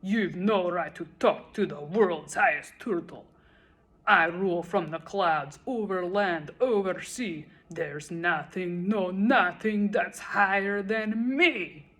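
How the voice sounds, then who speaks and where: A woman's voice: lowish voice, slow, a bit bright. Woman doing a bellowing, pompous male turtle king. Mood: furious, haughty. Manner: bellowing, imperious, self-admiring.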